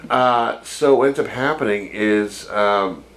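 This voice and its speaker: Low-voiced man rambling on a podcast. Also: slow, fairly bright tone, low-quality recording. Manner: rambling, filler-heavy retelling; laughs while talking, jokey impressions. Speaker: podcast co-host. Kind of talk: casual chat.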